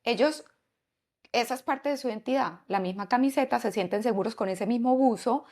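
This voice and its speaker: A woman speaking, her voice sitting a bit higher than most. She talks as a psychologist guest on a conversational podcast, laying out her points and tossing in rhetorical questions to keep the listener with her. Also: fairly quick, a little mellow. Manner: explanatory, asks frequent rhetorical questions. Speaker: psychologist and parenting expert guest.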